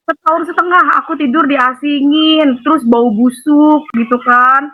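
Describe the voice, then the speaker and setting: High-voiced woman on a tinny phone. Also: normal speed. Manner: rambling, animated, frequent fillers. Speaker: guest giving testimony. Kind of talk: emotional personal testimony on a call. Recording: tinny phone line with faint noise.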